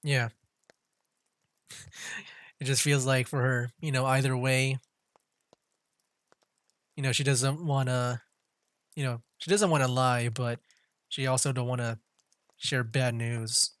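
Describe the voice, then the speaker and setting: A man's voice: mid-range voice, flat delivery, takes it slowly, pauses often, fairly bright tone, clean tone, dry recording. A man commenting casually on a story game as he plays, with frequent fillers and laughs. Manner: chatty, full of fillers and laughs. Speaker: gaming streamer. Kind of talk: casual let's-play commentary.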